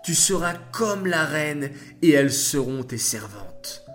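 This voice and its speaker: A man voicing a kind, patient God who consoles the moon in a children's story, speaking low, slow and reassuring. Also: very animated, faint music behind. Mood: soothing.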